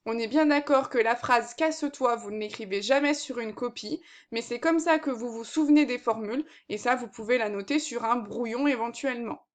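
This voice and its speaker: A woman's voice: on the high side, a little fast, hardly any pauses. A woman maths teacher giving a recorded lesson, explaining patiently step by step with frequent fillers.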